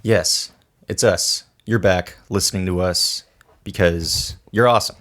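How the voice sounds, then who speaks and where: A man's voice: deep voice, steady tone, unhurried, fairly bright tone. A man hosting a podcast, opening the show playfully. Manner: playful, upbeat show intro. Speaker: podcast host. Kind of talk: casual chat.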